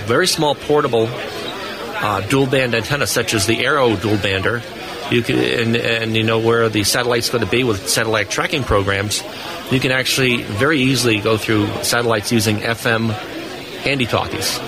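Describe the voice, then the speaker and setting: Speaking at a moderate pace in a steady, mid-range voice, a man guests on a live radio interview as an amateur radio expert, offering technical detail and stories. He's at a booth in a busy indoor convention hall, where crowd chatter fills the background.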